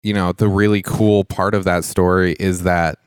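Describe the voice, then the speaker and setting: A man's voice: low voice, flat delivery, normal speed, clean tone, no echo, clean studio sound. A man earnestly telling a personal faith story in a casual podcast chat, often checking in with "right?". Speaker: mentor and lighting designer.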